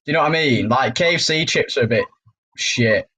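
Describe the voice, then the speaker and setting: A man's voice: medium pitch, normal speed, pushed and bright, low-quality recording. A young man, co-hosting a podcast in casual banter with friends, swearing and laughing as he rambles. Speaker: podcast co-host.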